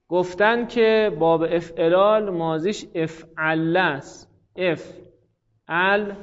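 A male teacher giving a classroom grammar lesson, explaining step by step, repeating forms slowly and quizzing students by name. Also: high-pitched, lo-fi sound.

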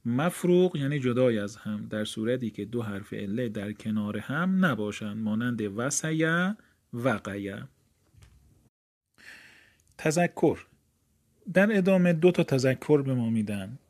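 A man's voice: mid-range voice, lively intonation, long pauses, a little mellow. A man teaching grammar from a textbook. He reads passages aloud and then explains them in casual speech.

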